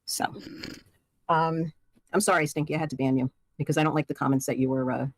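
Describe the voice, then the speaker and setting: A woman's voice: deep voice, fairly even intonation, a little fast, slight background noise. A middle-aged woman livestreamer, rambling and talking straight to her chat with many fillers as she signs off. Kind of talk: casual stream sign-off.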